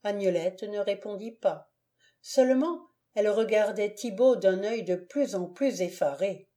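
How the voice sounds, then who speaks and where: A woman narrating a classic novel as an audiobook, in a measured, deliberate way. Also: medium pitch, mellow.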